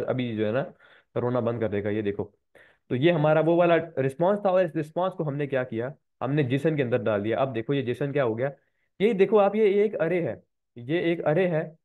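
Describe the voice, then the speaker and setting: A man with a slightly sore throat teaching a programming lecture, walking students through code step by step and repeating key points. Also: medium pitch. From Pakistan. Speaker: programming instructor. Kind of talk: screen-recorded coding lecture. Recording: tinny phone-like recording.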